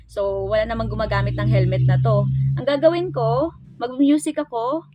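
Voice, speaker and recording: A woman with a Filipino accent, a vlogger who sells motorcycle gear, gives a casual hands-on tutorial demonstrating products, chatting informally straight to her viewers. Her voice is steady and on the high side at normal speed, and the audio is dull with a noisy background.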